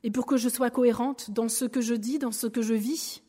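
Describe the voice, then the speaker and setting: A woman giving a lively sermon in church, acting out an illustration with a balloon. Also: a little high, moderate pace, in a large hall. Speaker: church speaker. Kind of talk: sermon with object lesson.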